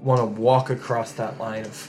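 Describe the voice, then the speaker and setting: A man's voice: medium pitch, level tone, moderate pace, darkish tone, soft background music. A man narrating a tabletop game casually as the game master.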